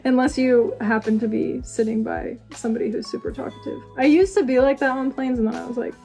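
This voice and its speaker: A woman's voice: high-pitched, steady tone, quick pace, vocal fry, darkish tone, soft background music. A young woman vlogger chatting casually and rambling with frequent giggles while eating. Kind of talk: casual chat reacting to old video.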